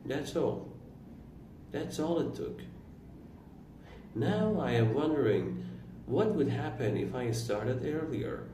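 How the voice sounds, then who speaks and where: A vlogger in his twenties from Iran, whose native language is Turkish, reflects on his own life in a slow, halting monologue full of pauses and self-corrections. His mid-range voice is warm with lively intonation. The recording sounds roomy, captured on a distant mic with faint room noise.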